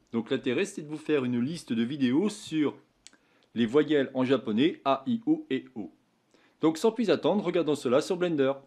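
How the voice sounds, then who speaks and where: A man's voice: a little high, darkish tone. A man teaching Japanese writing in a casual tutorial. He talks step by step as he draws and is easygoing about his mistakes. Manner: talks while drawing, says "hop" and "hein". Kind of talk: casual screen-drawing tutorial.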